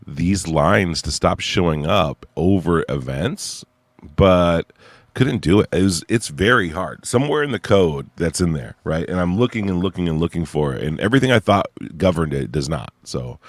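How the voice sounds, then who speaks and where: A man's voice: extremely low pitch, expressive, moderate pace, no room sound. A young man casually walking through his website on screen, rambling and thinking aloud. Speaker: website creator giving a demo. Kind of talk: casual screen-share walkthrough.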